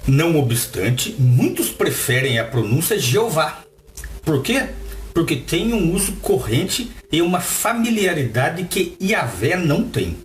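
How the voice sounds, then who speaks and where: Unhurried and fairly high-pitched, a lively Brazilian Bible reader and teacher reads a text aloud while explaining it. He poses rhetorical questions to the listener; the recording has a roomy echo and faint background noise.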